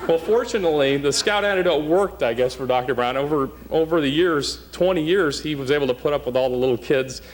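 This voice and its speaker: A man's voice: a little high, brisk, few pauses, slight background noise. A man giving a humorous, anecdotal after-dinner tribute speech as a scout troop leader in a banquet hall. He often tags his sentences with "okay?".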